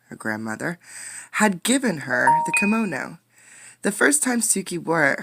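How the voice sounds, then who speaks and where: A woman reads a children's picture book aloud as a teacher, expressive and interactive, explaining words and asking the listeners questions. Her voice is lowish with a fairly bright tone.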